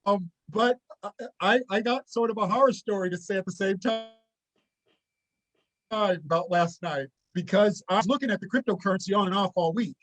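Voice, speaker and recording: A man talking on a group video call with a breaking-up connection, halting and restarting as he speaks. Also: high-pitched, a bit bright, soft background music, poor audio. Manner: halting, with many stammered restarts. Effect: on a video call with a choppy, breaking-up connection. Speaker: guest member of the group. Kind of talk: casual chat on a group call.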